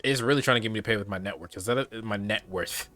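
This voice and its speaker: A man giving casual playthrough commentary in a bright, forceful, lowish voice. He is slangy and playful, with game music faintly behind him. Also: quick pace. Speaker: game streamer.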